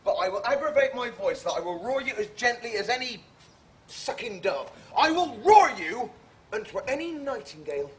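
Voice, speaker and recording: A boastful, theatrical show-off who grabs for every role, read by an amateur player, with a mid-pitched voice that swoops widely and goes grand. Faint noise sits under the recording. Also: very animated, moderate pace, close to an everyday voice. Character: boastful male weaver hungry for every part. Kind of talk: amateur comic play reading.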